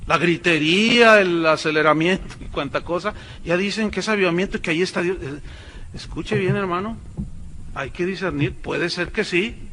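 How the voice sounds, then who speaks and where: A man preaches with emphatic, conversational energy, often turning to address the listeners as brothers. His voice sits high and bright. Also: moderate pace, a little hiss or hum. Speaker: pastor. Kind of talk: sermon.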